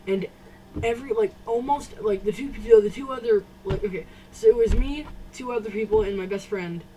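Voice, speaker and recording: A teenage girl telling a personal story to camera, halting, with many restarts and fillers. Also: mid-range voice, dark tone, recorded from a distance, a little hiss or hum, poor audio. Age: teens. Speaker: vlogger. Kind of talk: casual storytime.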